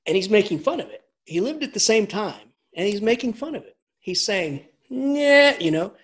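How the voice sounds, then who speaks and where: Animated, digressive male English professor. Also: high voice, a little fast. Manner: animated and digressive, with frequent restarts and asides. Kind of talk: informal literature lecture.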